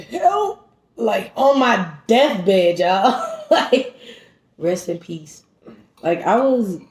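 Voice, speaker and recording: A woman vlogger chats casually at a table at home, telling a story to her viewers. She talks straight to them, animated and emphatic, at a middling pitch. The room is bare enough that her voice bounces with a roomy echo.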